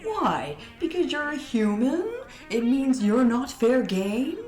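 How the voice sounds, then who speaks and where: A woman voicing a cold, mocking male alien invader who speaks slowly and taunts his captives. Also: a little high, very animated, darkish tone, roomy sound, faint music behind, pitched above the performer's own voice. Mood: menacing. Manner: slow, sneering, taunting.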